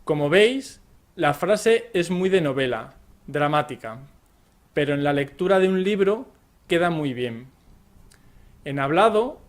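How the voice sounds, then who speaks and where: A man with a Spain accent teaching a lesson in a careful scripted style, now and then acting out short example phrases. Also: fairly high pitch. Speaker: Spanish teacher.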